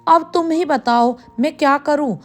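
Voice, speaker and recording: A young village woman in a storybook, emotional and pleading, with a quick temper, as a woman narrator voices her. Her voice is high, with gentle music behind.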